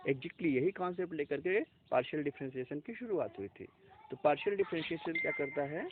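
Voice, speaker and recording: A man's voice: on the high side, expressive, brisk, a little hiss or hum. A man teaching a math lesson step by step, mixing in English terms and asking and answering his own questions. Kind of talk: classroom math lecture. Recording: tinny lo-fi, phone-like recording.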